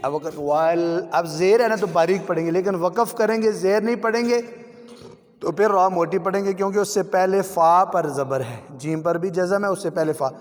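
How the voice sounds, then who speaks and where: High-voiced man teaching children recitation. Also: big-room sound. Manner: chants each word slowly, then explains in quick bursts. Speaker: Quran teacher. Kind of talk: Quran recitation lesson for children.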